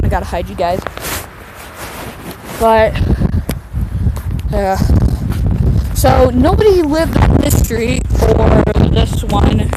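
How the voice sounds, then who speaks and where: A young woman talks off the cuff in a casual outdoor vlog. Her voice is fairly high and she speaks at an unhurried, hesitant pace, with blunt informal wording. Very loud wind buffets the microphone as she goes. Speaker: vlogger. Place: outdoors on a residential street in wind and light rain.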